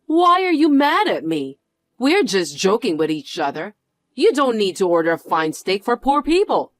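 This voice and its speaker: A woman's voice: mid-range voice, sing-song, moderate pace, dry recording, studio quality, lightly acted. A woman playing a snobbish rich woman who talks down to others with a condescending, sneering manner in a dubbed drama. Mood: dismissive.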